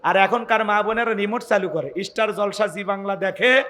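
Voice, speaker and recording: Preacher guy, bright voice, keeps calling the crowd to answer back, lots of echo. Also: high voice, normal speed. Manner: rousing, calls out for audience responses, joking asides. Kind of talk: sermon at an evening religious gathering.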